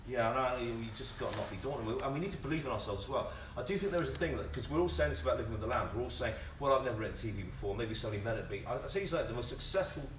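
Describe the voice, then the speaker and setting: Racing along with hardly any pauses, a British man with an animated mid-range voice makes his case on a theatre panel, where he appears as a writer and director. His speech is emphatic, colloquial and unscripted, with frequent stammering on repeated words. A distant mic captures a roomy sound and background noise.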